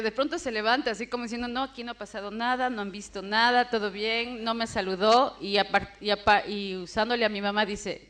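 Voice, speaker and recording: A woman in her forties telling her life testimony vividly, acting out the voices of people in her story. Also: mid-range voice. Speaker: speaker giving a personal testimony.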